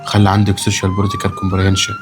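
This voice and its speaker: A man's voice: lowish voice, wildly swooping pitch, rapid-fire, soft background music. An actor playing a son who defends his wife against his mother, speaking with an Egyptian Arabic accent. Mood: pleading. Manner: pleading, defensive, rising to anger. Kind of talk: short web drama acting.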